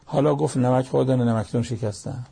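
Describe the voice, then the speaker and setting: A man's voice: medium pitch, steady tone, vocal fry, dark tone, breathy edge. A man preaching a sermon, reciting Arabic verses, explaining them, and pressing listeners with pointed rhetorical questions.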